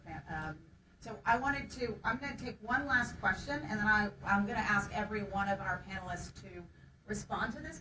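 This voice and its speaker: A woman moderating a press conference panel, reading out questions with halting pauses and fillers. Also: mid-range voice. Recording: echoey room, distant mic, background noise.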